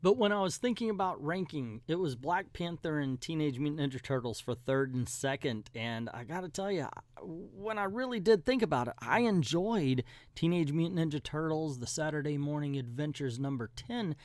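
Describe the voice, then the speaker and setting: A man's voice: a little high, expressive, moderate pace, few pauses, a little mellow, no room sound. A middle-aged man hosting a comic book review channel, giving a casual ranked countdown in a folksy, colloquial way with emphatic asides.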